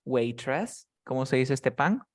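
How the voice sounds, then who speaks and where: In a live online class for beginners, a man patiently teaches English, drilling words and calling on students by name one at a time. His mid-range voice is animated and unhurried. The sound is close and dry, without room echo.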